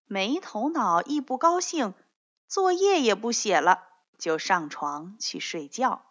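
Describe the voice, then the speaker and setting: A woman narrating a children's story in a slow, expressive, animated way. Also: medium pitch. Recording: dull lo-fi recording.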